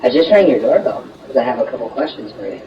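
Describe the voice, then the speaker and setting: A man's voice: mid-range voice, sing-song, fast. Brief: older man caught on doorbell camera audio, muffled and distant with hiss, rambling and repeating himself. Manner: repetitive, rambling and insistent. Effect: heard through a doorbell camera. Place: outdoors at a front door.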